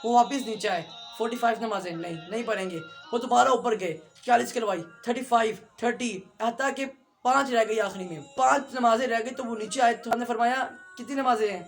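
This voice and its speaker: A man's voice: very high-pitched, gravelly, soft background music. A man vlogger earnestly retelling a religious story and speaking straight to his viewers. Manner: earnest, fast storytelling with direct address to viewers.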